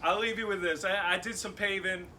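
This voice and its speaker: On a comedy club stage with a live crowd, a young man does a loose stand-up set, laughing and cursing through his punchlines on a handheld mic. His voice sits high, steady, brisk and sharp, picked up by a distant mic with clearly audible room noise.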